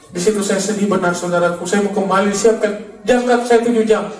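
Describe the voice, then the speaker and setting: A man's voice: high voice, fairly even intonation, brisk, reverberant, recorded from a distance, faint music behind. A man from Makassar, a former gangster, gives a fervent preached testimony and keeps calling his listeners "brother". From Makassar, Indonesia. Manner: fervent, addresses listeners as "saudaraku" over and over.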